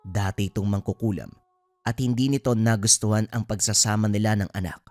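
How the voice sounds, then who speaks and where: A man narrating a horror story in a steady, solemn storytelling manner. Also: fairly low pitch, fairly quick, dry recording.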